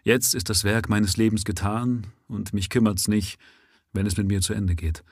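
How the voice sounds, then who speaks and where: A man's voice: lowish voice, fairly even intonation, normal speed, slightly rough, dry recording, studio quality. A man reading aloud, voicing a dying male avenger who speaks earnestly in a raised voice.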